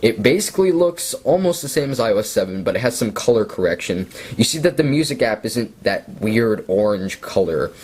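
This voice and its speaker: A young man casually walking through his device setup, relaxed and chatty with self-deprecating asides. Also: fairly low pitch, fairly quick, hardly any pauses, breathy edge. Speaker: tech video creator. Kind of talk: casual screen-recorded walkthrough.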